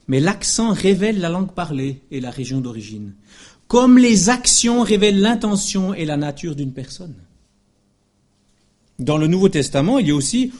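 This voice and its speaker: Guy preaching a sermon, voice jumps all over, kinda high, keeps tossing in little asides. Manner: lively, emphatic preaching with frequent "hein" asides and short laughs.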